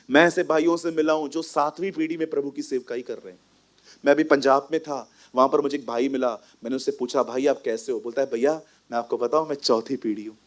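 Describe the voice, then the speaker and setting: A male pastor preaches to his congregation in a church hall, and his voice swings between calm teaching and loud, emphatic bursts. He talks in a mid-range tone and drops English phrases freely into his sermon. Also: medium pitch.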